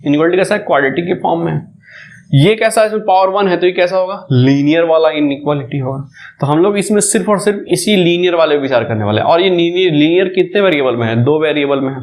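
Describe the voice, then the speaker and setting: Male maths lecturer, Bihari Hindi accent, slightly high voice, repeats key terms as questions. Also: quick pace, darkish tone. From India. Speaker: maths teacher. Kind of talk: classroom lecture.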